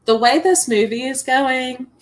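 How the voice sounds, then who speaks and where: A woman's voice: high voice, unhurried, poor audio. A woman joining a movie reaction over a video call, making dry, mocking remarks. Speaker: co-host guest.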